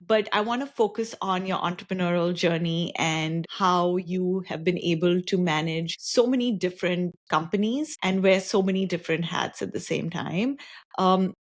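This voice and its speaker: A woman's voice: lowish voice, moderate pace. A woman hosting an interview show, introducing her guest and asking questions in a friendly manner. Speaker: podcast host.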